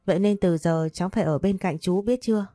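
A woman's voice: lowish voice, quick pace, mellow, no room sound, studio quality, natural voice. A woman voicing a doting, possessive older man who speaks tenderly but bossily to his young lover in a storybook reading. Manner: tender, teasing, bossy.

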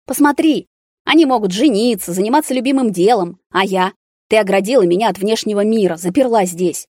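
Resentful young man stuck in a ward, sharp and loud in anger, read by a woman with a low, dry voice. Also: moderate pace, dry recording, lightly acted. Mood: angry shouting. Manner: sharp, resentful, at times shouting. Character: bitter angry young man confined to a hospital ward.

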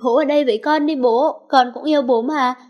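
A frightened young pregnant wife asks anxious, tearful questions, as a woman narrator puts her on. The voice sits high and pushes a little louder than the narration. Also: steady tone, fairly quick, muffled recording, close to an everyday voice.

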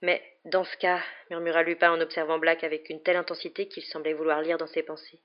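A woman narrating an audiobook in a steady storytelling manner, on a slightly muffled recording. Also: low-pitched, fast talker. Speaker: audiobook reader. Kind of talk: scripted narration.

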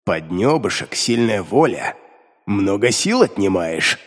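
A deep, scornful demon drawls slowly and grumbles with contempt, as a male narrator puts him on in an audiobook. His pitch rises and falls with feeling, and a long reverb trails behind the voice. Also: big pitch swings, exaggerated voice. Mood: grumbling. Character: contemptuous male demon voice inside the hero's head.

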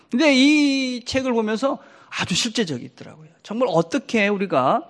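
A male pastor preaching a sermon, acting out quoted lines with sudden jumps in pitch and often checking in with the congregation.

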